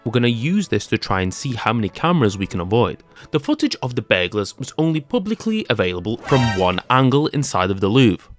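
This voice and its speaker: A man's voice: mid-range voice, very animated, fairly quick, few pauses, faint music behind. A young man narrating a scripted tech-comedy video with jokey, sarcastic asides. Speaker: YouTube creator.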